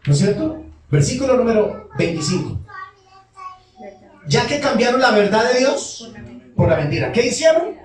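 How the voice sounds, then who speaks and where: With an extremely high pitch and big swings in it, a male pastor preaches at normal speed, leaving long pauses. In the church sanctuary, recorded from far off in an echoey hall, he runs a call-and-response sermon, questioning the congregation and answering himself.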